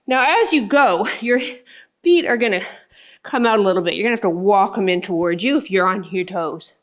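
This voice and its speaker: A woman's voice: medium pitch, lively intonation, brisk. A woman fitness instructor coaching a workout, counting out moves and giving short, encouraging cues.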